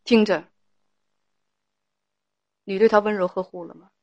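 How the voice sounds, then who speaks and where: Woman, advice show host, scolding, rhetorical questions, mid pitch, dry close sound. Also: fairly even intonation, measured pace, darkish tone, dry recording, lo-fi sound. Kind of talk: call-in advice talk.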